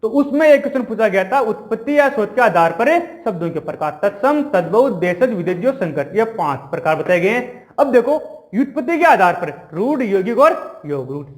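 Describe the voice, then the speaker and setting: Lively high-voiced grammar teacher. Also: male voice, brisk. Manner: asks questions and answers them himself, repeats key terms. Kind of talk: exam-prep grammar lesson.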